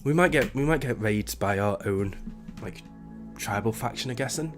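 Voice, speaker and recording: A man's voice: lowish voice, moderate pace, over music. A man chatting casually while playing a co-op game, narrating a role-play setup and poking fun at himself. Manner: animated, self-mocking, laughs often. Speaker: streamer and co-op player.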